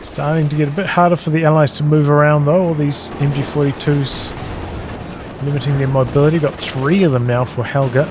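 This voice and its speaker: A man's voice: on the high side, steady tone, brisk, noisy background. A man giving live play-by-play commentary on a strategy game in clipped, fragmentary running remarks. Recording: loud game gunfire and explosions behind. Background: video game artillery, gunfire and vehicle sounds.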